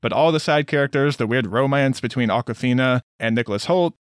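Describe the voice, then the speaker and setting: Male co-host, quick and opinionated, casual movie chat in a dry close recording. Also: mid-range voice, clear, resonant tone, dry recording. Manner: opinionated, blunt. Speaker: podcast co-host. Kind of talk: casual film review chat.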